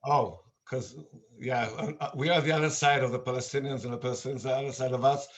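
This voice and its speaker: An older man from Israel, now a musician, talking earnestly and haltingly with many fillers on a video call. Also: mid-range voice, fairly even intonation. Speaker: musician and meditation guest. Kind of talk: casual video-call chat. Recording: dull lo-fi video-call audio.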